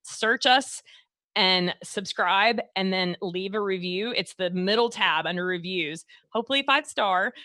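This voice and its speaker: A woman's voice: mid-range voice, measured pace, bright, forceful tone, no echo. A woman with a Texas accent hosting a health podcast, chatty and loose, full of fillers and restarts. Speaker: podcast host, doctor. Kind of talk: casual podcast chat.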